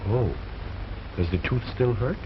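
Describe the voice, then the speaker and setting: A man's voice: mid-range voice, unhurried, lightly acted. A man playing a pompous, easily exasperated ventriloquist, speaking formal stage patter as the straight man in an old film. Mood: polite. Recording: muffled old film soundtrack, faint noise.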